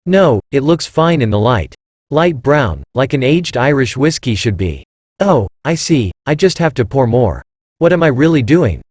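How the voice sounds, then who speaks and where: A man reading a first-person story aloud in a steady, measured storytelling read. His pitch rises and falls in a lively way, and the recording is close and dry, with no room around it. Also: dry recording. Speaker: narrator.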